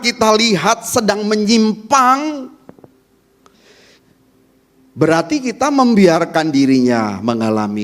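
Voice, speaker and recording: Pastor guy preaching at sunday church, high voice, keeps asking the crowd questions. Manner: animated preaching, addressing the congregation with rhetorical questions. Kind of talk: sermon. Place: church during a Sunday service.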